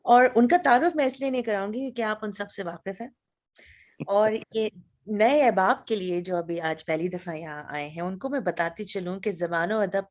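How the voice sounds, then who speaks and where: Female poetry-gathering host, mid-pitched, appreciative and introducing speakers. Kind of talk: hosting, praising verses and introducing poets.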